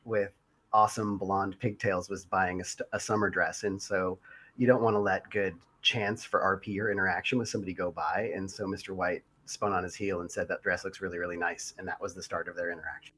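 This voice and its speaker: A man co-hosting a casual podcast, recounting role-play stories in a halting, rambling way. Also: deep voice, level tone, sharp tone, slightly rough. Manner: rambling storyteller, halting with fillers. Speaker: podcast co-host and role-player.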